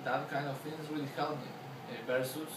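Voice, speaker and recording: A man's voice: a little high, flat delivery, background noise. Young Ecuadorian man, distant echoey mic. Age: young adult. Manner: halting, many fillers and restarts. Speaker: student interviewee. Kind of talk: casual interview answers.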